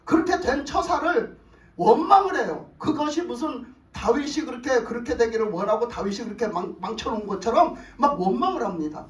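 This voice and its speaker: High-pitched man preaching in a church, lots of asking the crowd questions, mic pretty far off. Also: fairly quick, roomy sound. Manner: animated storytelling, rhetorical questions to the congregation. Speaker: pastor. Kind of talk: sermon. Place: church sanctuary.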